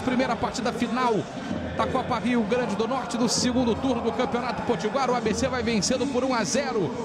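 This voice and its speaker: A man with a Brazilian accent doing live football play-by-play in an explosive goal commentary manner, with shouted, drawn-out calls. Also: very high voice, very noisy. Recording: loud stadium crowd, music behind. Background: stadium crowd and music.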